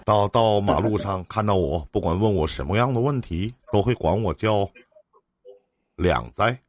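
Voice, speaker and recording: A man's voice: fairly low pitch, normal speed, background noise. A man in his forties hosting a live advice call-in, chatting casually in a joking, teasing way. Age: 40s. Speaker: live-stream advice host.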